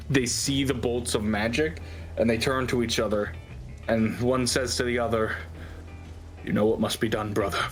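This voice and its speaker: A man narrating a tabletop game as dungeon master in a relaxed, chatty way. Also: medium pitch, low-quality recording.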